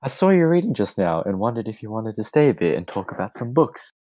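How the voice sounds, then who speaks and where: A man voicing a meek young schoolgirl who loves books, speaking softly and hesitantly. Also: on the low side, big pitch swings, quick pace, pitched above the performer's own voice. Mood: shy, apologetic.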